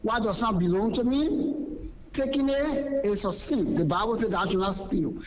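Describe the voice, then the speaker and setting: Preaching caller on a muffled line. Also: male voice, high voice, animated, moderate pace, echoey room. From Liberia. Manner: preaching, emphatic and repetitive. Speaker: pastor caller. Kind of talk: phoned-in talk show call.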